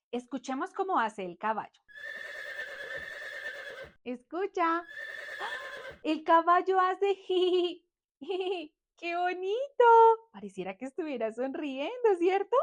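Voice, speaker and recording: A young woman with a high voice leads a cheerful lesson for small children. She speaks slowly and in an exaggerated sing-song, stretching her words and sometimes imitating animal sounds. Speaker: children's teacher.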